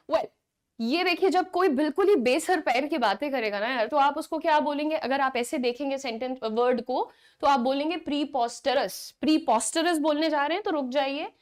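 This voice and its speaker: Indian lady teacher, high voice, jokey and chatty, slows way down on the tricky words. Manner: chatty, teasing, drills pronunciation slowly. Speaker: spoken English teacher. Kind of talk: live online class, Hindi mixed with English.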